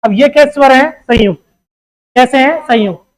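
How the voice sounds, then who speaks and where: A high-voiced teacher at a moderate pace runs an exam-prep grammar session on a low-quality recording. Question after question gets asked and then answered by the teacher, who fondly addresses the students as "beta."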